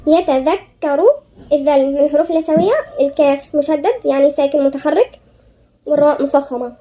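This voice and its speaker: A woman with an Egyptian Arabic accent teaching tajweed. She chants verses slowly, then explains each rule quickly, step by step. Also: sits high, fairly even intonation, dark tone. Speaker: Quran recitation teacher. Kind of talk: tajweed lesson.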